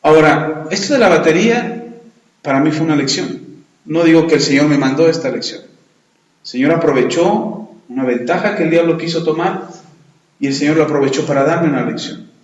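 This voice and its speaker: A middle-aged pastor preaches with earnest energy and asks rhetorical questions. His voice sits a little high for a man. The sound rings with heavy reverberation from a church room. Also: moderate pace, highs cut off. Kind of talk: sermon.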